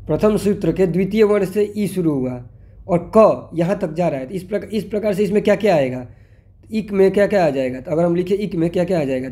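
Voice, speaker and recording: A male teacher talks through a grammar lesson in a high, mellow voice. He keeps asking the class questions and answering them himself. Now and then he slows down to spell out sounds one by one. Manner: explanatory, asks and answers own questions.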